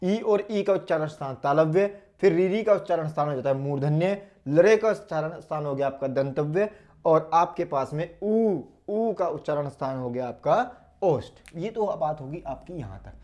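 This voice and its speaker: A man teaching an online Hindi lesson, demonstrating each vowel sound slowly and aloud, and asking questions he then answers himself. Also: on the high side, animated, a little mellow. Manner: drills sounds aloud, asks and answers his own questions.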